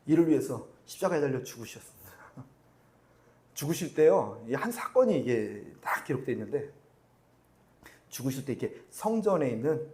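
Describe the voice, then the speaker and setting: A man's voice: mid-range voice, normal speed. A male pastor giving a Sunday sermon at a church service, often laughing and checking for agreement from the congregation. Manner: animated, acts out quotes in different voices; laughs often while preaching.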